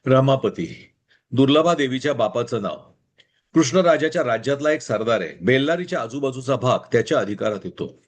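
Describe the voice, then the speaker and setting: A man's voice: medium pitch, animated, brisk, natural voice. A man doing a wry, teasing sidekick. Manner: wry, mocking. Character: teasing, clever male friend.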